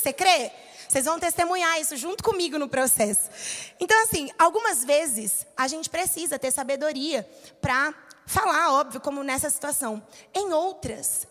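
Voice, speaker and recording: A woman's voice: high-pitched, a bit bright. A woman in her thirties with a Brazilian Portuguese accent, preaching a conversational sermon and telling personal stories, acting out the lines of the people in them. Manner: conversational, storytelling with acted-out quotes. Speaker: church speaker. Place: church. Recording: long hall reverb.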